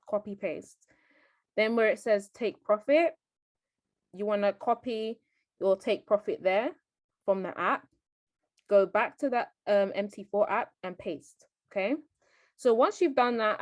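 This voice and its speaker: A woman's voice: medium pitch, no echo. Woman narrating a screen recording. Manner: explanatory, keeps checking in with "okay?". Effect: voice-over on a screen recording. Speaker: trading tutor. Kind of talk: live tutorial narrated over a screen recording.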